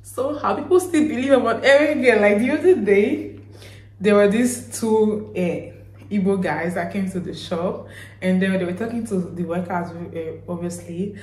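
A woman's voice: medium pitch, normal speed, darkish tone. A woman from Nigeria with a Nigerian accent tinged with Ghanaian, chatting casually and rambling in a reflective vlog. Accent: Nigerian, with some Ghanaian. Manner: chatty and rambling, with frequent fillers and laughs. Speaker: vlogger. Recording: echoey room.

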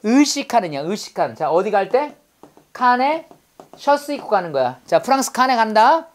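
A woman's voice: a little high, big pitch swings, moderate pace. A woman teaching English vocabulary in class, drilling students with call-and-repeat prompts and playful memory tricks.

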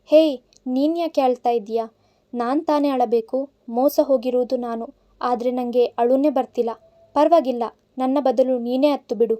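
A man's voice: extremely high pitch, steady tone, moderate pace, warm tone. A woman voicing a drunk, heartbroken man in his twenties who rambles and pleads like a child. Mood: childlike. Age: 20s. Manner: rambling, sulky, innocent pleading. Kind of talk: audiobook character voice.

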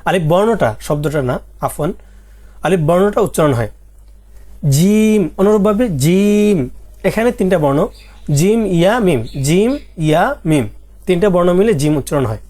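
A teacher giving an Arabic alphabet lesson, repeating each letter slowly and asking and answering quiz questions. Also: medium pitch, lively intonation, dark tone.

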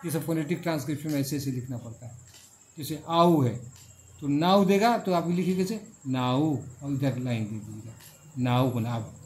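Teaching phonetics to a class, this middle-aged man speaks in a fairly high, darkish voice over a little hiss or hum. He draws out and repeats every word, keeping his explanations slow and repetitive.

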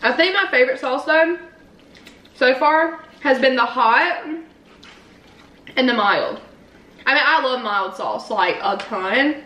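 A woman's voice: sits high, slow, pauses often, bright, forceful tone. A young woman vlogger chatting casually and giggling while she eats on camera. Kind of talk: casual mukbang chat. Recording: echoey room with faint noise.

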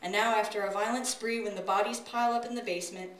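An author reads her own comic story aloud in a storybook narrating style, her mid-range voice fast and steady in tone. It was captured live by a distant audience camera in an open-sided wooden pavilion, so the audio is echoey and noisy.

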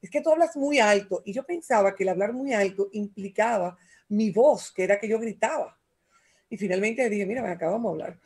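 A woman, talking as a guest expert on communication in an animated, expressive way and acting out quotes. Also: mid-range voice, a little fast, slightly rough. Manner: animated, acts out voices and quotes. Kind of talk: radio talk show conversation.

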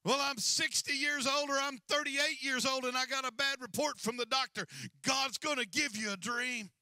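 A man's voice: very high voice, steady tone, moderate pace, pushed and bright, no echo. A middle-aged man preaching a sermon as senior pastor on a large church stage, with a handheld mic and a repetitive, rising and falling cadence.

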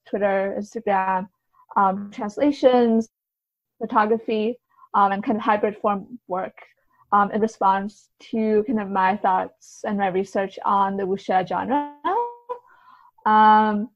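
A woman with a medium-pitched, slightly mellow voice answers conversationally as a podcast interview guest, a writer and translator who explains things tentatively, with hedging. The recording sounds slightly dull and lo-fi.

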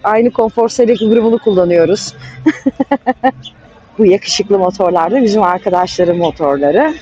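A woman's voice: medium pitch, animated, a little slow, highs cut off. A woman vlogger chatting casually to her viewers outdoors. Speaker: motorcycle vlogger. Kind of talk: casual vlog talk to viewers. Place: outdoors at a motorcycle festival. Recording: loud outdoor wind and engine noise.

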